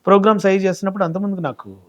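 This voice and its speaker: A rapid-fire male speaker from Telangana in his thirties, recounting his career in an animated way. His voice sits a little high for a man. He now and then acts out the voices of people he quotes. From Telangana, India. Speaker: comedian and mimicry artist guest. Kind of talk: casual interview chat.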